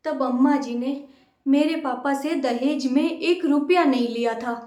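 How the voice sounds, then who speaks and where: A woman's voice: high voice, unhurried, warm tone, echoey room. A woman playing a caring, patient middle-aged mother-in-law who reasons earnestly with her daughter-in-law.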